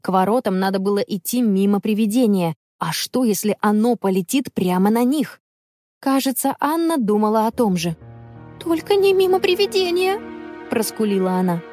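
A woman telling a children's story in measured, expressive audiobook narration. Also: medium pitch, no room sound, soft background music.

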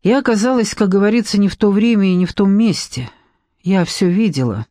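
A bold, scornful young woman stands up to her captor, as a woman reads her in an audiobook. The voice is mid-pitched, with a dry, close sound. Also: fairly quick, warm tone, no echo, lightly acted. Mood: confiding. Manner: scornful, defiant. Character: defiant young woman, a former nanny. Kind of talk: audiobook reading.

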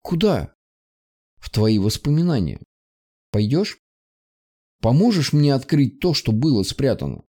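A man reading an audiobook, voicing a gentle, soothing grown man comforting a friend. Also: mid-range voice, big pitch swings, unhurried, long pauses.

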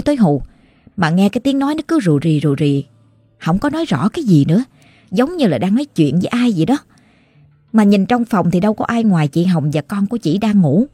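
A woman with a Southern Vietnamese accent tells a ghost story as if chatting with a friend, full of exclamations. Her voice is dark and mellow, and the recording is dry and close. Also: on the low side, breathy edge, no echo.

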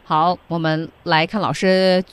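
A woman co-hosting a radio English lesson, chatting in a lively way and prompting the teacher. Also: fairly low pitch, unhurried, clean tone. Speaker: radio co-host. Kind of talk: bilingual radio lesson chat.

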